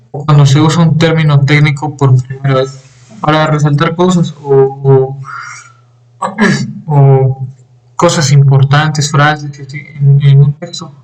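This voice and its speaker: Young male student, slightly higher voice, halting class presentation with fillers. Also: poor audio. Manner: halting, with fillers and throat clearing.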